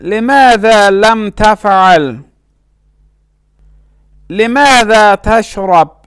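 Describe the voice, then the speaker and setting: Male language teacher, very slow deliberate delivery, high voice, dry close recording. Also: fairly bright tone, smooth, dry recording. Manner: slow, careful pronunciation with repeated words.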